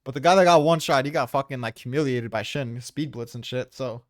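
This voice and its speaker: This is a fairly quick, medium-pitched male voice, recorded dry with studio quality. Casual and prone to swearing, he sticks up for where he placed characters on his manga tier list.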